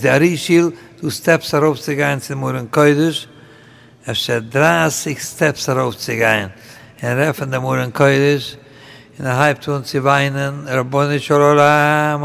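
A man telling humorous anecdotes to a live audience, lively and acting out the people in his stories. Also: fairly high pitch, creaky. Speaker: storyteller. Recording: long hall reverb.

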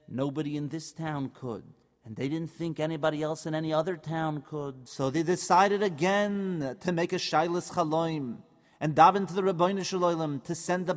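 Male children's storyteller, high voice, expressive and dramatic, long reverb. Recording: long hall reverb, faint music.

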